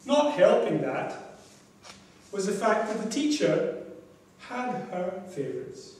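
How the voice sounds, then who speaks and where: An older man, giving a prepared speech to a club meeting and telling a story from his childhood with measured pauses. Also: high voice, big pitch swings, darkish tone. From Scotland. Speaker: club speaker. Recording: echoey hall from far off.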